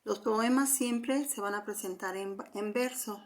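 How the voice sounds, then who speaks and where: A woman teacher with a medium-pitched voice works through the answers to a Spanish review quiz one at a time. She speaks to her class at a measured pace, patient and methodical.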